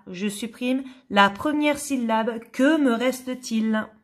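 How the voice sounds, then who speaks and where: In a slow phonics lesson for young children, a teacher with a fairly high-pitched voice sounds out every word carefully and says it again.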